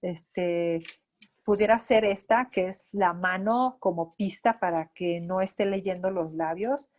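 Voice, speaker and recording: Una mujer con acento mexicano, terapeuta auditivo-verbal, da una clase a residentes y explica con ejemplos prácticos. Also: female voice, lowish voice, a little mellow. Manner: explanatory, acts out examples of talking to children. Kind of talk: lecture.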